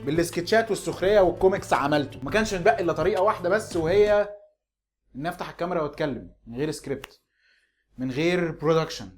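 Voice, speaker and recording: A man's voice: fairly high pitch, expressive, rapid-fire, faint music behind. A man in his twenties with an Egyptian Arabic accent, talking naturally and unscripted to the camera as a football fan host, earnest and insistent with rhetorical questions. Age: 20s.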